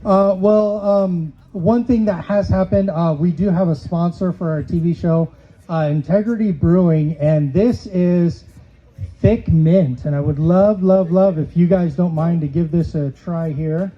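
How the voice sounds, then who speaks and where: A man's voice: high-pitched, unhurried, muffled recording. A man hosting a casual music interview show, chatting with his guests. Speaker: show host.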